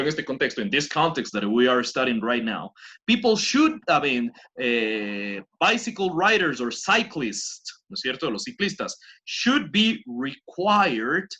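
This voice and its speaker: A man's voice: mid-range voice, sharp tone, slightly rough. A man from Latin America teaching an English class, explaining grammar step by step and often checking with tag questions. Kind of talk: online class lecture.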